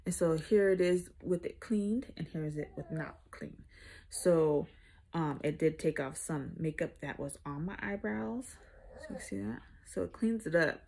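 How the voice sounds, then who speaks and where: A woman doing a casual makeup tutorial vlog, chatting in a relaxed way while she applies makeup. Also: low voice, unhurried, creaky. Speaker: makeup vlogger.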